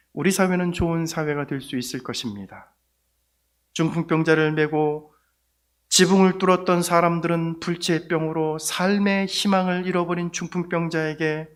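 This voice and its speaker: A middle-aged man, a pastor, preaching a sermon and telling a story with lively, rising delivery. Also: on the high side. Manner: animated storytelling, voice rising sharply when retelling anger.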